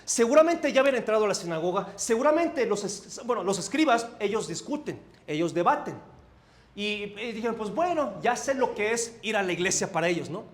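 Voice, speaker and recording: A man's voice: sits high, a little fast. A man from Mexico City with a Mexico City accent, preaching a conversational sermon as a pastor and often asking the congregation questions. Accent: Mexico City Spanish. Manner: animated, asks the congregation questions, swings between loud and soft. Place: church sanctuary.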